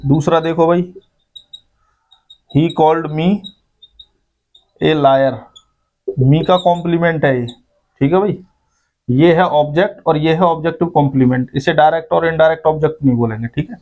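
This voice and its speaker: A man's voice: a little high, normal speed, pauses often, a little mellow. Man teaching grammar, lo-fi audio. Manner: explains step by step, keeps adding "ठीक है भाई". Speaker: English teacher. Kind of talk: classroom grammar lesson.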